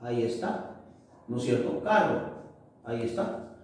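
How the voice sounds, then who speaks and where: A male teacher giving a classroom lesson, often checking in with tag questions and pausing with fillers. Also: sits high, lively intonation. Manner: hesitant, with many fillers. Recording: echoey room, far from mic.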